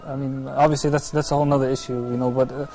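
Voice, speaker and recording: A man's voice: mid-range voice, level tone, racing, mellow, faint music behind, poor audio. A man hosting a live call-in talk show, greeting callers and passing their questions to a scholar. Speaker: live show host taking calls.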